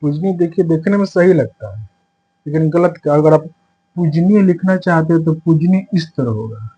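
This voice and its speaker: हल्की खरखराहट वाली आवाज़ में पढ़ाता आदमी. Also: male voice, a little high, expressive, moderate pace, mellow, slightly rough, muffled recording. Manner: explains step by step, repeats answers with quiz questions. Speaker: Hindi teacher. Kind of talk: exam-prep lesson.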